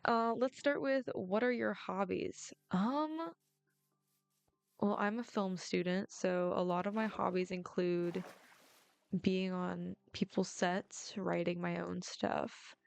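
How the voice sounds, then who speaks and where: Young woman, casual gameplay chat, rambling, lots of fillers, smooth resonant voice, dry close mic. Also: medium pitch, steady tone, takes it slowly, no echo. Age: young adult. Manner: chatty and rambling, full of "like" fillers. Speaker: film student playing a game on camera.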